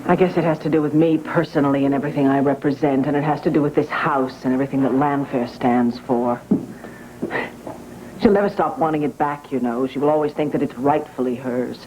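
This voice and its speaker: An actress playing an anxious, earnest wealthy woman who owns a newspaper, in a 1980s TV soap opera, heard from a worn VHS tape copy. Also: low voice. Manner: earnest, troubled, speaks plainly and directly. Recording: dull, hissy worn VHS tape audio.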